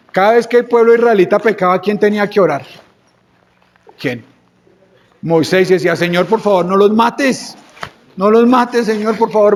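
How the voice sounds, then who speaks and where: Colombian male preacher, earnest, exhorting tone, rhetorical questions, slightly high voice. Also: slight background noise. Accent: Colombian Spanish. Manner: acts out prayers in quoted voices. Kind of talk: sermon.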